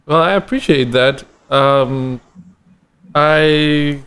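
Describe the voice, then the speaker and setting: Smooth-voiced man from Costa Rica. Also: a little high, fairly bright tone. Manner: thoughtful, halting, many restarts. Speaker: guest drummer and educator. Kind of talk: casual podcast conversation.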